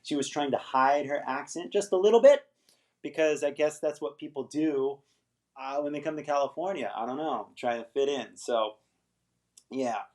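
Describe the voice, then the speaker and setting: A middle-aged man runs an English-teaching livestream in Los Angeles, his voice a little high and his pace normal. He chats casually and rambles with viewers, regularly tagging "right?" onto his points.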